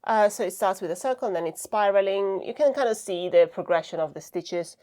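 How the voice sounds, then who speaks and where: A craft vlogger with a mid-range, dark-toned voice chats brisk and casual to the camera while she works on her crafts. She's reflective, thinking aloud as she goes.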